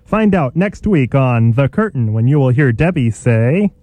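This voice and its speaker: A man's voice: mid-range voice, big pitch swings, measured pace, dark tone, no echo. A man playing a mock-serious announcer, narrating a parody radio serial with dramatic suspense.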